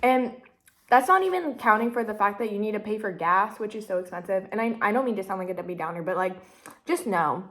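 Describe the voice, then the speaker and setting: A woman's voice: medium pitch, lively intonation, a little fast, fairly bright tone. A young woman in her twenties chats on and on while she eats, full of "like" and "literally." Her talk is loose and meandering, and now and then she speaks around a mouthful of food. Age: 20s. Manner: chatty, rambling, heavy use of "like" and "literally". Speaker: vlogger. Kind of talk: casual mukbang chat.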